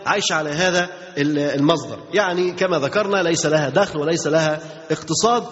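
A man's voice: on the high side, fast, fairly bright tone. A man with an Egyptian accent giving an Islamic religious lesson, asking his listeners rhetorical questions and repeating key phrases. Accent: Egyptian Arabic. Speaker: religious teacher. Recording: dull lo-fi recording in a reverberant hall.

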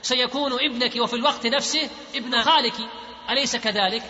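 A probing male talk-show host putting questions, read out by a man. The voice is very high and bright. A hall echo and a dull lo-fi sound hang over it. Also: quick pace, slight background noise, heavily acted.

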